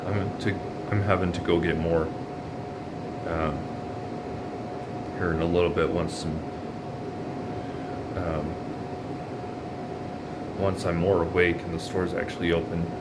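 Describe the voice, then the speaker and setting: Under a loud rumbling drone, a man speaks in a deep, monotone voice at a slow pace. He sounds weak and sore after surgery. His delivery is weary and halting, like a casual video diary. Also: heavy background noise. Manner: weary, subdued, halting with long pauses.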